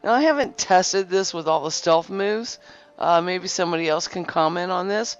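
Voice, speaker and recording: In a game guide video, a woman whose voice is on the low side speaks at a normal speed, narrating gameplay casually. Her delivery rambles, with lots of fillers and frequent self-corrections, over a slightly dull lo-fi recording with faint music.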